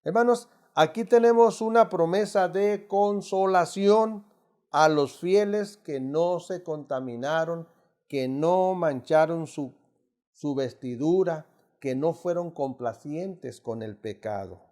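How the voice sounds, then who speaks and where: Speaking in a slightly mellow voice that sits high, this middle-aged man from Mexico has a Mexican Spanish accent. His adult Bible study is delivered in a forceful, preacherly style, and he keeps addressing everyone as brothers.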